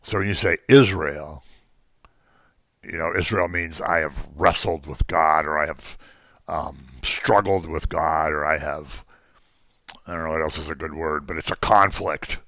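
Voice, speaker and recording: A man's voice: a bass voice, fairly even intonation, a little slow, fairly bright tone, no room sound, clean studio sound. A man teaching an informal Bible class, talking conversationally with frequent ums and jokey asides to the class.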